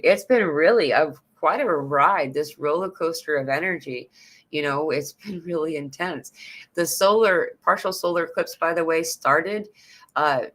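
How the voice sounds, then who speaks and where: A live-stream host in casual chat, greeting viewers and reading comments aloud with lots of fillers and lively swings in pitch. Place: New York City.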